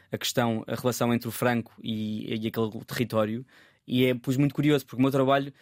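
A man speaks as a guest in a casual interview, at a middle pitch. He talks in a thoughtful way, often breaking off and repeating words as he searches for them. The sound is dry and close to the microphone. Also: a little mellow, no room sound. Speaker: photographer guest.

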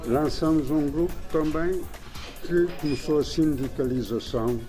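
A man's voice: a little high, normal speed. Hesitant man recalling, music behind. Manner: hesitant, with fillers and restarts. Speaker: community organizer interviewee. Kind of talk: recalled personal account.

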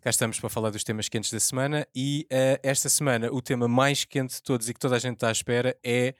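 A man with a European Portuguese accent hosts a podcast in an informal, chatty style. His pitch is average and the recording is dry, with no room sound. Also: fairly even intonation, quick pace, no room sound. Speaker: podcast host. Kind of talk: casual chat.

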